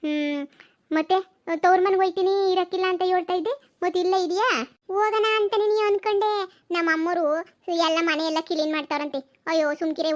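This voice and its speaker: A woman voicing chatty village women in a cartoon comedy, in a rapid, gossipy, exclaiming manner. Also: high voice, lightly acted.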